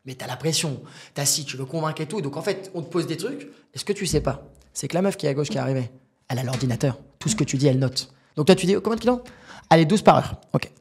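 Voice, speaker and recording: A man's voice: on the high side, fast talker, a little mellow, slightly rough. A man in his twenties, a business founder and podcast guest, telling a story casually, acting out dialogue and speaking with slang and asides to the host.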